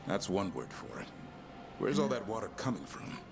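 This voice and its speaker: A stern, dry-witted warrior. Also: male voice, lowish voice, sing-song, moderate pace, gravelly. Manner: dry, blunt delivery. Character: stern, dry male warrior and griffin keeper. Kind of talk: video game dialogue. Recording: game audio over loud music.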